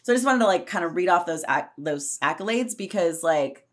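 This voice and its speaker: A woman's voice: lowish voice, expressive, a little fast. Chatty enthusiastic woman podcast host. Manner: enthusiastic, chatty, uses "like" often. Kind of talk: casual podcast chat.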